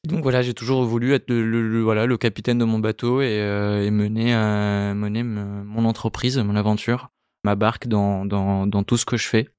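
Man in his thirties, halting. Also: lowish voice, flat delivery, darkish tone, smooth, dry recording, clean studio sound. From Italy. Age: 30s. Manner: hesitant, many fillers and repeated words. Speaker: guest, startup co-founder. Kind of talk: casual interview answers.

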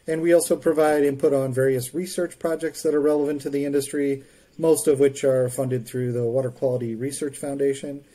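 A man with a mellow, warm voice speaks as a podcast guest. He explains technical matters in a measured, methodical way. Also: mid-range voice, low-quality recording. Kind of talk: expert explanation in interview.

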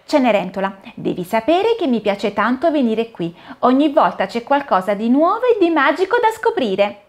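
A woman's voice: fairly high pitch, sing-song, normal speed, voice pushed up. Woman voicing an eager starstruck little girl. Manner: gushing, breathless admiration.

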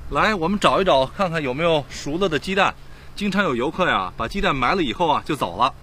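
A man's voice: a little high, expressive, quick pace, bright, forceful tone, slight background noise. A patient cheerful father. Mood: explaining. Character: patient, cheerful father guiding his daughter. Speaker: father in a teaching drama.

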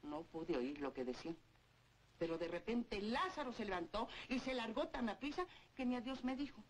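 A woman's voice: medium pitch, lively intonation, normal speed, natural voice. An actress playing a chatty, confiding tavern woman in an old gothic horror film. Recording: faintly noisy old film soundtrack.

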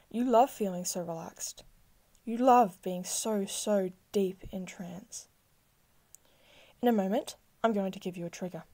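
A woman slowly guiding a listener into trance with soft, soothing, repetitive phrasing, sometimes dropping to a breathy whisper. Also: mid-range voice. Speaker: hypnosis guide. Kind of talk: slow guided hypnosis script.

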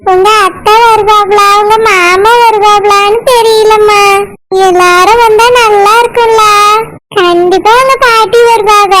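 A woman doing a tender pregnant village wife. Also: very high voice. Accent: Kanyakumari Tamil. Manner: soft, tender, cooing. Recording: loud background noise.

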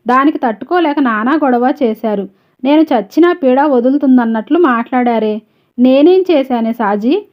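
A woman's voice: high-pitched, animated, moderate pace. Woman reading as a proud, wronged wife. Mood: bitter. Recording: slightly dull, lo-fi audio.

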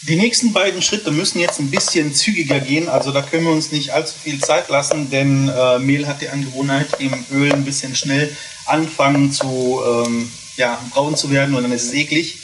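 A man's voice: medium pitch, steady tone, normal speed, noisy background. A man hosting a casual home cooking video, chatting through each step as he cooks. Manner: chatty, explains steps while cooking. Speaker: cooking channel host. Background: food sizzling in a pan.

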